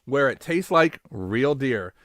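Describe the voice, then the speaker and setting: A man's voice: medium pitch, expressive, slow pace, fairly bright tone, dry recording. A man hosting a casual live online show, chatting in a folksy showman's way and plugging sponsors to his viewers.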